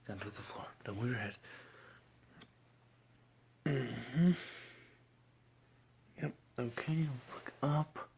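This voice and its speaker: A man doing a gentle ASMR roleplay as a mock examiner, soft-spoken, slipping into whispers and giving slow, reassuring praise. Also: mid-range voice, creaky.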